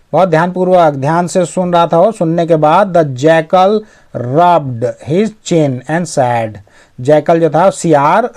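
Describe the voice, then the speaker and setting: A man teaching English, reading each sentence slowly and then explaining it word by word in Hindi. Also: a little high, darkish tone. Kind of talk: bilingual reading lesson.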